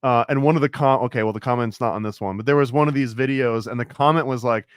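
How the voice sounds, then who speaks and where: A man with a mid-pitched voice chats on a podcast, rambling along with plenty of "like" and frequent laughs. The sound is dry and close, with no room echo. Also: fast, clean tone. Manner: rambling, chatty, laughs often, filled with "like". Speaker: podcast co-host. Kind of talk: casual podcast chat.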